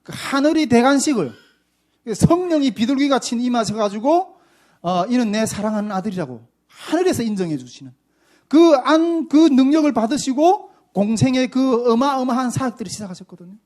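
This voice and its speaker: A male pastor preaches a personal testimony sermon. His voice sits high, and he presses hard on some phrases and drops to near a hush on others. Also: animated, fairly quick. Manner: emphatic, swings between loud and soft.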